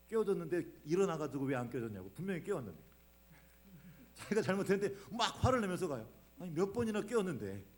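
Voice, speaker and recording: Higher-voiced male pastor preaching. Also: a little mellow. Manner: asks the congregation frequent questions; explains with homely everyday examples. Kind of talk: Sunday sermon. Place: church sanctuary.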